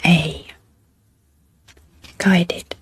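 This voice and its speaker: A woman, the host and an ASMR psychologist, opens a guided sleep meditation in a soft, breathy, half-whispered ASMR voice. She eases into the relaxation with unhurried phrases and frequent pauses. A slight hiss or hum can be heard.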